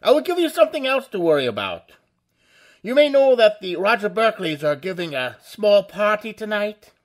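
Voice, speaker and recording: A man's voice: high-pitched, sing-song, normal speed. An actor playing a suave, mocking male mystery vigilante in a 1930s-style radio drama, with a theatrical, menacing delivery. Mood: taunting. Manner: theatrical, menacing laugh, hypnotic intonation.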